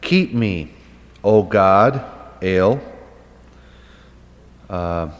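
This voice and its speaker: A man with a low voice teaches at an unhurried pace, working through his points aloud. He fills pauses with "uh" and "um" and often poses a question before answering it. His voice rings out with long reverb, as in a hall. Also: animated, muffled recording. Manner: thinking aloud with frequent fillers; explains terms by asking and answering questions. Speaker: Hebrew Bible teacher. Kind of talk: unscripted lecture.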